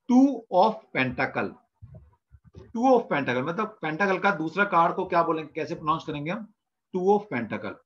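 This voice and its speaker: Heard through a video call mic with dull audio, a man with a slightly high, fairly bright voice teaches tarot online. He quizzes his students, supplies the answers himself, and keeps repeating the terms.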